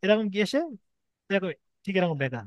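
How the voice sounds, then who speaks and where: High-voiced Bengali man teaching letters. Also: expressive, a little fast, no room sound. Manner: patient, explains step by step, drags out vowels to demonstrate. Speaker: Arabic reading teacher. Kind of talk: online Quran reading lesson.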